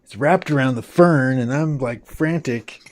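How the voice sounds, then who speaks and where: A man's voice: mid-range voice, moderate pace, darkish tone. A man vlogging, telling a rambling story in casual talk and swearing often.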